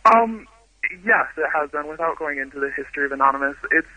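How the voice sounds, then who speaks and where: A man calling in on the phone to a radio show, his voice disguised by a voice changer, speaking haltingly with many fillers and restarts. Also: on the high side, lively intonation, pushed and bright, no room sound, low-quality recording. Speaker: anonymous phone-in guest. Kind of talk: radio call-in interview. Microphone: phone line.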